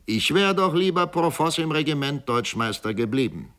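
A man's voice: a little high, big pitch swings, moderate pace, a bit bright, pitched above the performer's own voice. A man voicing a bitter wounded ex-soldier. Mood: grim. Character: bitter wounded male ex-soldier, proud and ashamed. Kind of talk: audiobook character voice.

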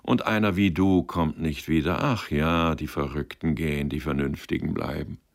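Dry old-country peasant, read by a man, deep and gravelly. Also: steady tone, normal speed. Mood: wistful. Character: wry male peasant friend, sentimental.

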